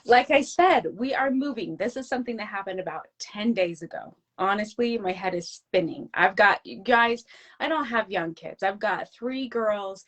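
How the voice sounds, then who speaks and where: A woman's voice: medium pitch, normal speed. A woman in her forties, a guest in an interview, talking in an earnest, heartfelt way. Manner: earnest, heartfelt, talks about faith. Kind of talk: casual interview chat.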